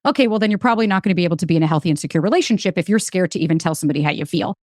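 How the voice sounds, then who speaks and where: Fast-talking, animated woman guest. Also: on the low side, no echo, clean studio sound. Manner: animated storyteller, fast and emphatic. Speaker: podcast guest, dating coach. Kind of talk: casual interview chat.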